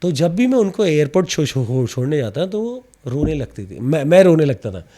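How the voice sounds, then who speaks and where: A man, an actor, telling lively anecdotes in a casual podcast interview, with a slight stammer and English phrases mixed in. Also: fairly high pitch, moderate pace.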